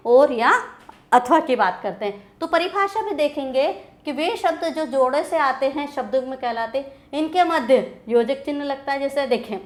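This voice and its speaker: A woman teacher giving a grammar lecture, repeating key terms and answering her own questions. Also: high voice.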